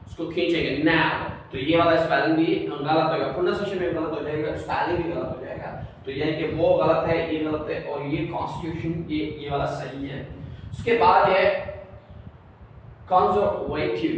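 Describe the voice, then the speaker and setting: Male teacher, slightly high voice, spells words slowly letter by letter; very echoey room, mic far off. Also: slight background noise. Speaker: English teacher. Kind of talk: spelling lesson.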